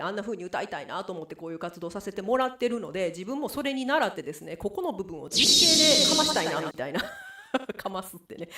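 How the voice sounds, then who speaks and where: A woman's voice: mid-range voice, roomy sound. A woman with a Kansai accent, hosting a chatty, rambling live-stream talk as a musical singer. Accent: Kansai Japanese.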